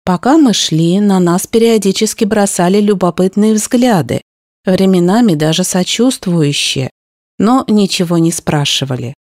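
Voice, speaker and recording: A woman reading a first-person story aloud in a steady, even narration style. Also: medium pitch, normal speed, dry recording, clean studio sound. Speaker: audiobook narrator.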